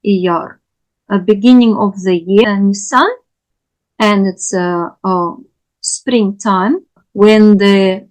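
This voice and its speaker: Slow, halting woman lecturer. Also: medium pitch, poor audio. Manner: halting, with frequent fillers and self-corrections; patient, explanatory. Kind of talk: unscripted teaching lecture.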